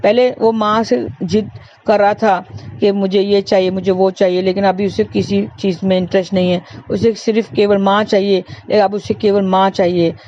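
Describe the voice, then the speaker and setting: A woman narrating a devotional moral story, earnest and preachy, repeating her points again and again. Her voice sits at a middle pitch, and the recording sounds dull and lo-fi. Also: flat delivery, moderate pace, warm tone, a little hiss or hum.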